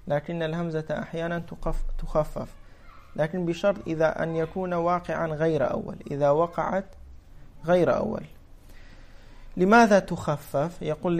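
Questioning, fairly high-voiced male teacher. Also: a little mellow. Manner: explains step by step, asks questions and answers them himself; repeats phrases and restates them for clarity. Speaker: teacher of Arabic morphology. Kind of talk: classical grammar lesson.

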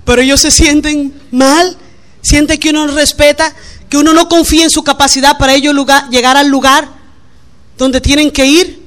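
A middle-aged woman pastor preaching a lively sermon, acting out little quotes along the way. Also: sits high, normal speed. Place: church.

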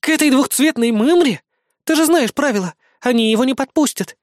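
A man reading an audiobook, voicing a brash, scheming young goddess who talks loud and snappy. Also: extremely high pitch, animated, normal speed, no echo, studio quality, voice pushed up. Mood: indignant. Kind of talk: audiobook character voice.

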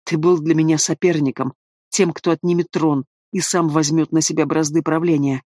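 A man's voice: fairly high pitch, steady tone, normal speed, a little mellow, no echo, clean studio sound, close to an everyday voice. A man voicing a dying, spiteful dragon king father in an audiobook, bitter and mocking.

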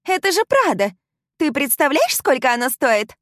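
A woman voicing a spiteful young female coworker, shrill and mocking in a sing-song tone. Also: normal speed, dry recording, clean studio sound, natural voice. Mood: shrieking.

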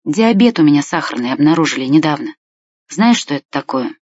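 A storyteller voicing a tired, gentle old grandfather who keeps sighing, in a husky, slightly dull recording. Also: mid-range voice, sing-song, brisk, no room sound. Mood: weary. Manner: weary, sighing.

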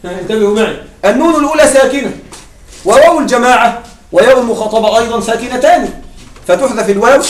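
Male grammar teacher with a very high voice, quizzing the class and repeating key points, recorded from a distance in a roomy space. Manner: asks the class questions and answers them himself. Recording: echoey room, mic at a distance.

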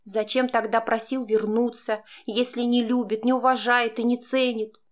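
A woman narrating a first-person audiobook in an expressive, emotional storytelling manner. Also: fairly high pitch, normal speed.

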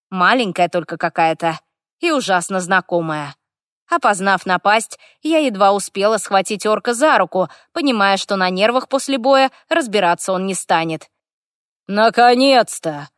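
A woman narrating a first-person fantasy audiobook. Her reading is wry and lively, with ironic asides. The sound is close and completely dry. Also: mid-range voice, moderate pace, no echo.

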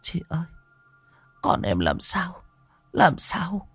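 A man voicing a weak, exhausted young mother, who pleads in a faint, breathy way. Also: a little high, huge pitch swings, takes it slowly, a bit bright, dry recording, faint music behind, pitched above the performer's own voice, full character voice. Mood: pleading.

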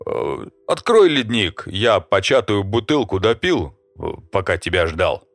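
A man putting on a cheeky, greedy wandering trader from another world, drawling and pushy, with a low, deep voice, dry close recording, soft music underneath, audiobook. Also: big pitch swings, slow, no echo, full character voice. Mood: brash. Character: brash rude alien trader man, greedy.

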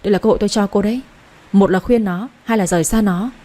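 A woman's voice: medium pitch, quick pace, dark tone, close to an everyday voice. A woman voicing a stern, domineering older mother who talks curtly and gives orders. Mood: angry. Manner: curt, commanding, impatient.

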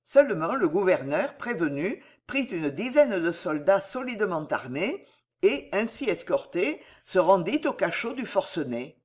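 A narrator giving an expressive, theatrical reading of a French historical novel. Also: medium pitch, a little slow. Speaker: audiobook narrator.

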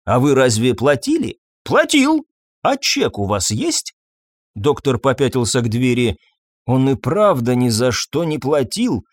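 A man reading a story aloud with expressive storytelling. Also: medium pitch, dry recording, clean studio sound. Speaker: narrator. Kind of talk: audiobook reading.

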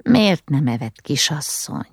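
A woman's voice: deep voice, lively intonation, darkish tone, dry recording, studio quality. A woman voicing an old household cook who fusses and scolds in a motherly way. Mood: hushed. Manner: fussing, scolding.

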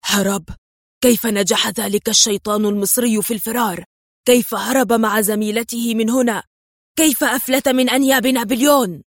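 A woman voicing a furious male villain boss who shouts in rage and grief, in a dry audiobook reading. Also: fairly high pitch, fairly even intonation, moderate pace, dry recording, close to an everyday voice.

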